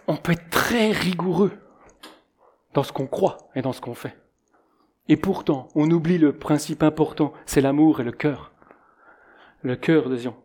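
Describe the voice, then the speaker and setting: A man's voice: mid-range voice, warm tone. A middle-aged man preaching a sermon in a conversational way, illustrating his points with anecdotes.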